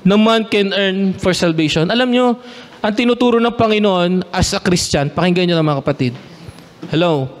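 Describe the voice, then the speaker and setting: A man's voice: high-pitched, normal speed, big-room sound. A man preaching a sermon, mixing in English and often asking the congregation for responses.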